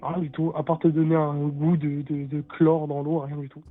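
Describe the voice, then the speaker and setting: A man with a fairly high voice explains casually as a caller. He is halting and repeats himself, on dull lo-fi audio with faint music behind. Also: level tone. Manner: halting, repetitive, informal. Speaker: caller, water technician.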